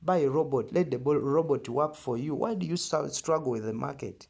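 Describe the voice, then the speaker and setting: This trading tutor has a fairly high, slightly mellow voice with vocal fry and talks fairly quickly in a Ugandan accent. His informal step-by-step teaching is forceful and repetitive, with frequent short check-in questions.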